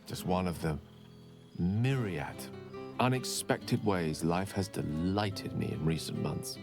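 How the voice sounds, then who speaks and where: An actor playing Gale, an eloquent, warm male wizard turned academic, speaking in an articulate, gently wry manner. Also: low-pitched, slow, full character voice. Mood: tender. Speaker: game character. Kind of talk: video game voice acting. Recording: game audio with clear music behind. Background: music.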